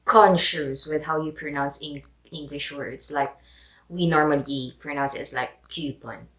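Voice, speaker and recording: A woman with a Filipino accent co-hosts in a casual, conversational style. Her voice is low, and she demonstrates pronunciation as she talks. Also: fairly even intonation, a little slow. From Philippines. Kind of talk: casual chat.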